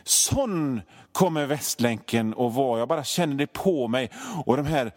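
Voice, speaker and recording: A man's voice: mid-range voice, animated, a little mellow. A man hosting a radio show, delivering a sarcastic, rambling comedy monologue with plenty of swearing. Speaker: radio host.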